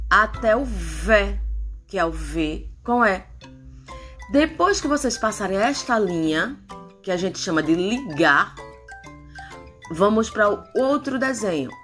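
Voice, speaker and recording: A middle-aged woman teaching young children how to sound out syllables. She talks at an unhurried pace and stretches each sound so the class can follow along. Soft music plays faintly in the background. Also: medium pitch. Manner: slow, drawn-out syllables, animated coaxing. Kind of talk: children's phonics lesson.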